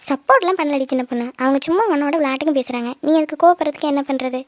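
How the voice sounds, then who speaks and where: Woman voicing a sweet cartoon auntie, high voice, super fast, calms everyone down. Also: no room sound, clean studio sound, close to an everyday voice. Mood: soothing. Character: fond, peacemaking aunt and mother-in-law. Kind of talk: cartoon voice acting.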